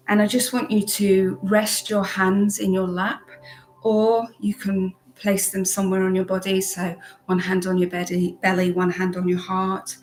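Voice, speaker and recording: A woman leading a guided meditation as an instructor, with a soft, calm, soothing spa-like delivery and long pauses. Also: medium pitch, reverberant, low-quality recording. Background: background music.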